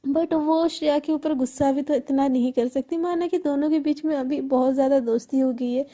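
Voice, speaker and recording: A woman's voice: high-pitched, fairly even intonation, brisk, mellow. A woman narrating a story in a casual, chatty way, full of conversational asides.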